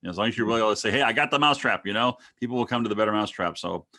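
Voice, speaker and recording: A middle-aged man hosting a casual interview, talking in a quick, animated rush with many restarts and repeated words. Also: lowish voice. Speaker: host, marketing consultant.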